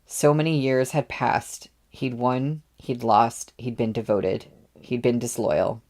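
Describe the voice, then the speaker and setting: A man's voice: medium pitch, fairly even intonation, slow pace, a little mellow. A man reading a novel aloud as narrator, with offhand asides between passages. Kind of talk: audiobook readalong.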